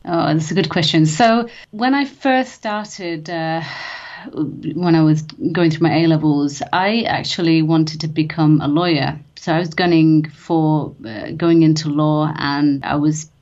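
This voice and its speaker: A woman's voice: deep voice, unhurried, a little mellow, muffled recording. A woman who is a guest on an interview podcast, talking chattily with frequent laughs and restarts. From England. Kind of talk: casual interview chat.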